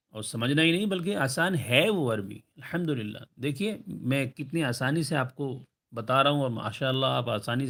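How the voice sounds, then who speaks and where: A man's voice: medium pitch, fairly bright tone. Patient man teaching Arabic lessons. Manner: patient, repeats "ٹھیک ہے؟" checks and slow drawn-out example phrases. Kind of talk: recorded online lesson.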